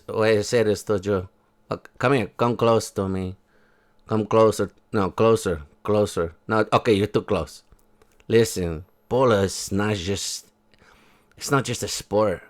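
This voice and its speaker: A man's voice: fairly low pitch, a little slow, voice pushed down, natural voice. A man voicing a crude, rambling male polo player, who swears and mocks rich players. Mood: mocking. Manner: coarse, rambling, keeps swearing. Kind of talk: comic sketch in a vlog.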